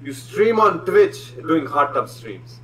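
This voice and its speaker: A young man from India on a video call, trolling a dating-show date with deadpan, halting talk full of repeated words. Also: fairly high pitch, far from the mic, crowd noise. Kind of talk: joking video-call banter. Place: small room at home. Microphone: headset on video call. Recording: noisy video call line.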